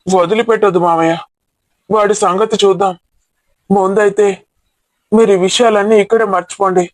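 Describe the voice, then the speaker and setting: A man's voice: sits high, fairly even intonation, moderate pace, no echo, natural voice. A man playing an indignant, scolding relative. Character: angry male relative scolding and advising the family. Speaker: actor in a family comedy drama. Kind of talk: amateur family drama acting.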